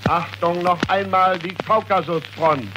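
A man's voice: high-pitched, fairly even intonation, a little slow, over music. A man announcing and calling out stations in a formal live broadcast, heard as an old 1940s radio recording. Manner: calling out stations with repeated commands. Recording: noisy archival radio recording.

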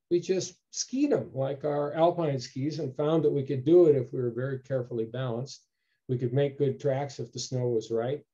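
Older male speaker, easygoing slide-show storyteller, very dark tone, muffled webcam audio. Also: fairly high pitch. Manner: relaxed storytelling, clears throat often. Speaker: local history speaker. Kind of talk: informal slide-show talk. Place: home room with bookshelves. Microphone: video call webcam. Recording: dull lo-fi video call audio.

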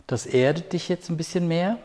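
A man teaching a home yoga class, giving calm, patient step-by-step cues with a clip-on mic. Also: on the high side, normal speed. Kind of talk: guided yoga instruction. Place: room at home. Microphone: clip-on microphone. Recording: long hall reverb.

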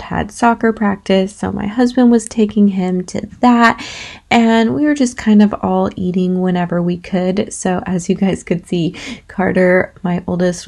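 A woman's voice: fairly low pitch, gravelly, a little mellow. A woman in her thirties, a mother, narrating her home cleaning vlog in a casual, chatty voice-over with small laughs.

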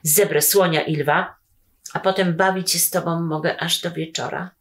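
A woman voicing Radek, a boy brother who builds paper planes and makes big, rapid boastful promises. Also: lowish voice, steady tone, lightly acted.

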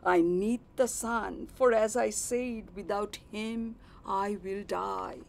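A woman's voice: mid-range voice, fairly even intonation, slow, creaky, slight background noise. A woman voicing the Earth as a devoted, motherly woman who pleads earnestly in a recited poem. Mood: pleading. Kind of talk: poetry recitation.

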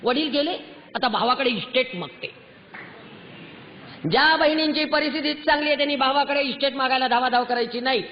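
Woman lecturer, impassioned scolding speech, very high voice, dull muffled sound. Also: fairly quick, a little hiss or hum. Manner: scolding, fiery, full of rhetorical questions. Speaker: public speaker addressing women. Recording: muffled sound with long hall reverb.

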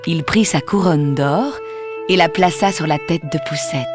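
A woman narrating a children's storybook in a gentle, expressive reading. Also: low voice, unhurried. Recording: music under the voice. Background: soft music.

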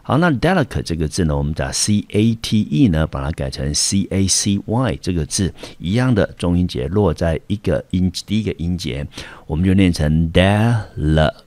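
Super deep-voiced guy teaching english vocab, lively up-and-down delivery, dry close sound. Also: normal speed, no room sound. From Taiwan. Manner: explains step by step, often starting with "好". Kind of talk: vocabulary lesson. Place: school teaching studio.

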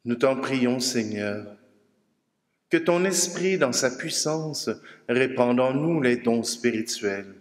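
A man with a Québécois French accent, a priest leading mass prayers in a slow, solemn, measured way. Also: medium pitch, lively intonation. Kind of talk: liturgical prayer. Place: church. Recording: echoey church with long reverb.

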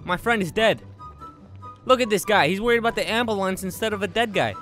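A man talking casually in a game roleplay, loud, excitable and swearing a lot. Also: high-pitched, fairly quick, soft background music. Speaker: roleplay streamer.

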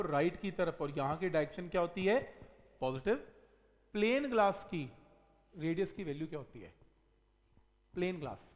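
A middle-aged man teaching physics at a whiteboard, asking questions and answering them himself with a stressed key word. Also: sits high. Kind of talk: whiteboard lecture. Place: classroom studio at a whiteboard. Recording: long reverb in the room.

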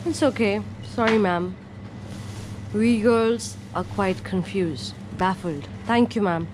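A woman's voice: medium pitch, slow. A young woman vlogging casually in a small grocery shop, joking with her friend and the viewers. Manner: playful, joking, talks to viewers. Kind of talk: casual vlog chat. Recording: background music over the sound.

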